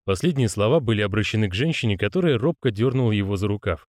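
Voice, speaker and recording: A man's voice: on the low side, fast, dry recording, studio quality. A man narrating an audiobook expressively, voicing the characters. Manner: expressive, theatrical. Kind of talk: audiobook reading with character voices.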